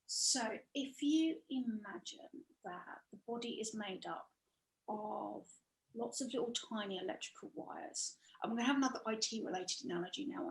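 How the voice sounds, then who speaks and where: A woman's voice: on the high side, vocal fry. A woman, talking as an interview guest, chatty and full of analogies and repetition, heard over a video call. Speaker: guest expert. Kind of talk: explanatory interview talk. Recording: echoey room.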